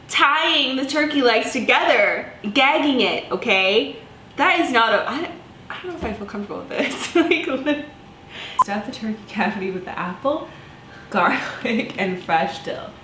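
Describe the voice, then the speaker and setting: A young woman vlogging her first try at cooking in a casual, excitable way, often squealing and swearing. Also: sits high, reverberant, a little hiss or hum. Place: home kitchen.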